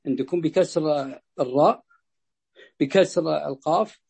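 A man teaching jurisprudence to students, explaining slowly, repeating phrases and checking whether they understand. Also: on the high side, vocal fry, a little mellow, husky. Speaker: sheikh teaching Islamic jurisprudence. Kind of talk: explaining a fiqh text to students.

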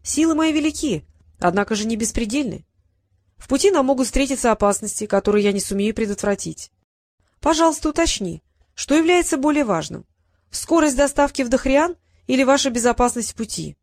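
A woman's voice: high-pitched, expressive, fairly quick, a little mellow, no echo. Woman voicing a sly old genie. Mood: scheming. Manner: wheedling, pedantic, mock-respectful. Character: sly, evasive male genie, centuries old.

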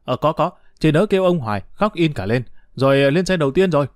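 A man voicing a harried middle-aged official who gives brisk, clipped orders. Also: on the high side, expressive, dry recording, studio quality, natural voice. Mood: hurried.

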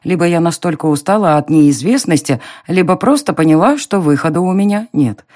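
A narrator reading a first-person novel aloud in an expressive storytelling manner. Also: medium pitch, brisk. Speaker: audiobook narrator.

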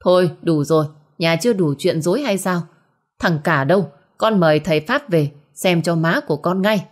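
A woman's voice: on the low side, moderate pace, close to an everyday voice. A woman voicing a stern, commanding old patriarch in a storybook. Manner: commanding, firm.

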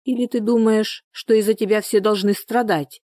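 A woman's voice: medium pitch, fairly even intonation, normal speed, warm tone, no room sound, clean studio sound, voice pushed up, natural voice. A woman reading the part of a hot-tempered village wife and mother who scolds sharply. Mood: scolding.

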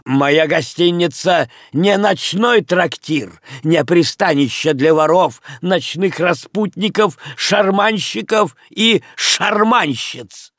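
Guy putting on an outraged innkeeper yelling, high and loud, gravelly edge, audiobook. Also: very animated, slow, no room sound, studio quality, full character voice. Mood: furious. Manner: shouting, indignant. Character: furious pompous male innkeeper shouting through door.

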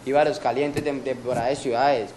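A man's voice: mid-range voice, steady tone, a little fast, darkish tone. A Colombian man in his early twenties being interviewed, telling a rambling street story full of slang and sound effects. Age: early 20s. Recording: noisy background.

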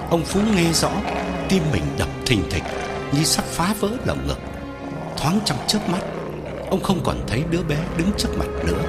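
Dramatic male ghost-story narrator. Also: on the high side. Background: music.

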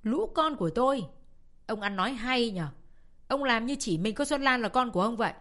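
A woman voicing a harsh, short-tempered middle-aged mother who shouts and scolds in a dramatic audiobook reading. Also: mid-range voice, a little fast, close to an everyday voice. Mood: sneering. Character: harsh angry middle-aged mother, quick to beat her child.

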